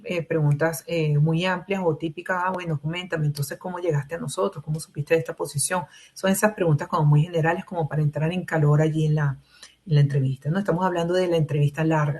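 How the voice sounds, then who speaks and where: A woman's voice: low voice, a little mellow. A Venezuelan woman presenting a live webinar on job interviews, explaining step by step and often checking in with "ok?", heard over a video call mic. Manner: explanatory, frequent "¿ok?" check-ins. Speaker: webinar presenter, recruitment trainer.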